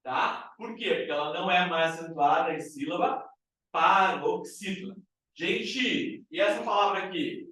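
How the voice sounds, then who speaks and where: High-voiced man teaching in an echoey room. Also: measured pace, distant mic. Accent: Brazilian Portuguese. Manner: lively, checks in with frequent rhetorical questions. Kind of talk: classroom grammar lesson. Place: classroom.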